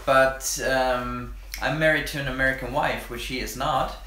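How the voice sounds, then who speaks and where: A man's voice: mid-range voice, distant mic, a little hiss or hum. Young man asking questions in an echoey room. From Germany. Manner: relaxed, halting questions with fillers. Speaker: interviewer, channel host. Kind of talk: casual interview. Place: living room by a tiled stove.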